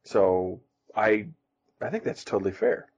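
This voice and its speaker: A man co-hosting a casual podcast, talking in halting, self-deprecating stops and restarts. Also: fairly low pitch, fairly even intonation, darkish tone, slightly rough. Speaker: podcast co-host and comic artist. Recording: dull lo-fi sound.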